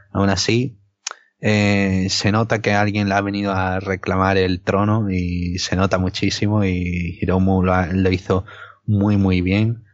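A man with a deep voice and little melody chats through his opinions on wrestling. He is hesitant and often repeats words. The recording is dull and lo-fi. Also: no room sound. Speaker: wrestling show co-host. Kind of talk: casual wrestling review and opinion. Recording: dull, lo-fi, dry microphone sound.

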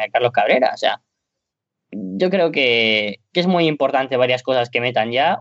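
A man's voice: medium pitch, fairly bright tone, no echo, dull audio. A man with a Spain Spanish accent co-hosting a wrestling podcast in casual chat, rambling at first and then ranting in exasperation. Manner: rambling, grows into an exasperated rant.

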